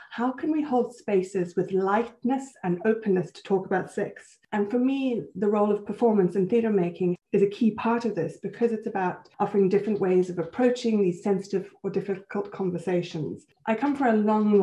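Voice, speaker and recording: A woman guest from South Africa and Switzerland speaks reflectively about her work, with a soft laugh now and then. Her voice is dark and mellow. She sounds a little roomy, as over a video call. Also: medium pitch. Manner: warm, reflective, laughs easily. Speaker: guest, senior lecturer in applied theatre. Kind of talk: conversational interview answers. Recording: roomy echo.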